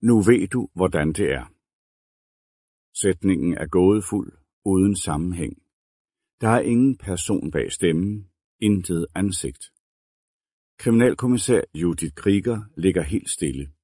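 Man narrating a novel, low husky voice, dry close sound, measured delivery. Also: mellow, dry recording. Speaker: audiobook narrator. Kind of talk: scripted narration.

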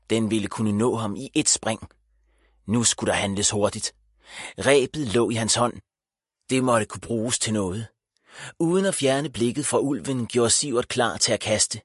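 A man narrating a children's audiobook in a calm, measured reading voice. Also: on the low side, no echo. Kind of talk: scripted narration. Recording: dry studio reading.

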